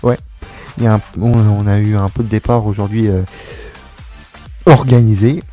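A man's voice: on the low side, fairly even intonation, normal speed, mellow, soft background music. A young man hosting a casual radio chat, joking and laughing often as he talks. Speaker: radio show host.

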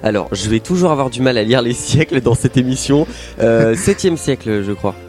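A man's voice: mid-range voice, expressive, moderate pace, darkish tone, faint music behind. A man co-hosting a radio show who reads from notes, often stumbles, corrects himself and apologizes. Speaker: radio co-host. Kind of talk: casual radio chat, reading notes.

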